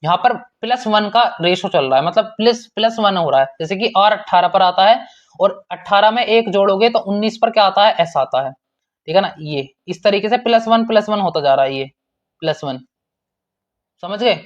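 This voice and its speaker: A man's voice: sits high, moderate pace, dull audio. A man teaching an online exam-prep lesson in a casual, repetitive way, calling students brother and checking in often.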